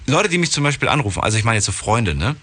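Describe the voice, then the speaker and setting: A man's voice: medium pitch, big pitch swings, racing, a bit bright, slightly rough. A young man hosting a casual radio call-in show, reading listener emails aloud and chatting with callers.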